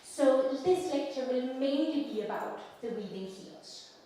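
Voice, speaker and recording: A woman in her thirties with a Danish accent, giving an academic lecture in an unhurried, thoughtful way with frequent pauses. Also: high voice, lively intonation, mellow. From Denmark. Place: large lecture hall. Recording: echoey hall, distant mic.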